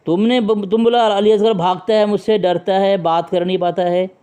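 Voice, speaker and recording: A man's voice: sits high, steady tone, normal speed, mellow, clean tone. A man in an argumentative phone conversation, insistently repeating short demands.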